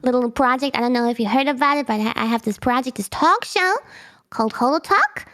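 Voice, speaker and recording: On a video call, a German-native streamer appears as a guest in a casual interview chat, giggling, upbeat and often starting her sentences over. She talks briskly in a high, somewhat bright voice.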